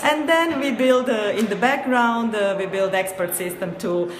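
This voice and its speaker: A woman's voice: on the high side, normal speed. A woman from Serbia with a Serbian accent, answering interview questions hesitantly with many fillers and small laughs. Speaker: guest, company co-founder. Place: noisy event venue. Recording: echoey busy venue with crowd.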